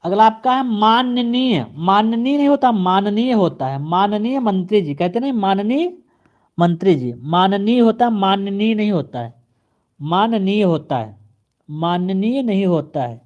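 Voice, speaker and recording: A male teacher giving an exam-prep grammar lesson, addressing the viewer and repeating each correction in a steady drilling pattern. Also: sits high, moderate pace, lo-fi sound. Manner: speaks straight to the viewer.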